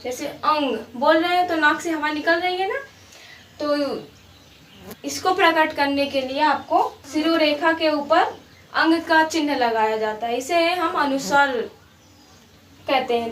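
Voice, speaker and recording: A grammar teacher with a high, slightly bright voice patiently repeats her examples and checks her students' understanding. The recording is roomy and echoey, the mic is a bit distant, and faint background hiss is present.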